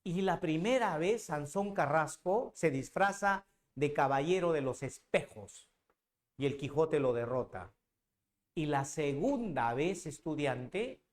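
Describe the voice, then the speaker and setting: A man, teaching literature as a dramatic storyteller who talks straight to the student. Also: fairly high pitch. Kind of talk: animated lecture.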